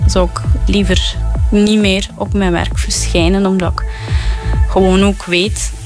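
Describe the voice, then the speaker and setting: A woman speaking as an anonymous interviewee in a news clip, her voice disguised with AI and pitched down, with a halting delivery. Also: little pitch movement, over music.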